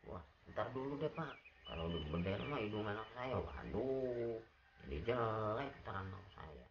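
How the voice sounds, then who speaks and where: A man's voice: fairly low pitch, very animated, unhurried, muffled recording, noisy background, pitched above the performer's own voice. A man voicing a flustered, fretting wealthy father in a raised voice.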